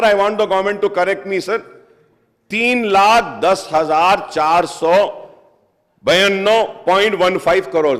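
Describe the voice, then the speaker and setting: A man speaking in a legislative assembly debate, addressing the chair as sir again and again and switching between Hindi and English. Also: high voice. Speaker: member of a state legislative assembly. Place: large legislative assembly chamber. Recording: long reverb of a large hall.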